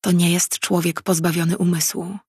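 A woman's voice: on the low side, level tone, moderate pace, a little mellow, slightly rough, no room sound, clean studio sound. A woman reading an audiobook voicing a troubled but defiant young female mage who speaks earnestly and reproachfully.

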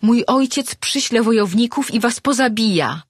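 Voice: mid-range voice, animated, moderate pace, breathy edge, no echo, clean studio sound, pitched above the performer's own voice. A reader voicing a frightened, defiant young daughter of a sea king, pleading and crying out. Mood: shouting defiant. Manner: pleading, then shouting.

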